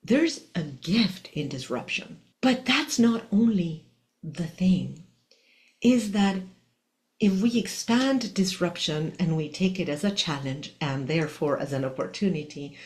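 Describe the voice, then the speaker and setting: Unhurried and a little mellow, this fairly low-pitched voice has lively intonation and belongs to a woman in her sixties with an Argentine Spanish accent. She hosts a podcast as a spiritual teacher and coach, and her reflective motivational monologue is earnest and emphatic, with frequent rhetorical questions.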